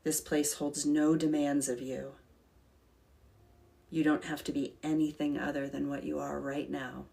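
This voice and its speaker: A woman guiding a calm grounding exercise, speaking gently and soothingly in short, unhurried phrases as a meditation leader. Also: sits low, creaky.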